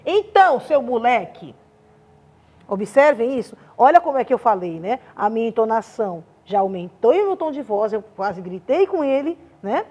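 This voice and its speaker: A woman arts teacher giving a remote class, talking in a lively, demonstrative way. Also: a little high, a little fast, hardly any pauses.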